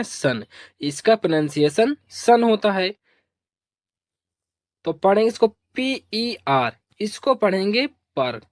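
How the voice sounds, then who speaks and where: Lady teacher spelling words letter by letter, slow and steady, dry close sound. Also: mid-range voice, no echo. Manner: spells out letters slowly, asks and repeats answers. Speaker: English teacher. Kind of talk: spelling and pronunciation lesson.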